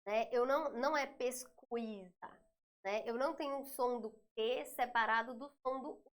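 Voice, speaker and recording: A Brazilian woman teaching an exam review lesson in Portuguese grammar. Her voice sits a little high, and she explains step by step. She keeps checking in with her students to make sure they follow. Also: moderate pace. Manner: patient, checks in often with "né?" and "tá?".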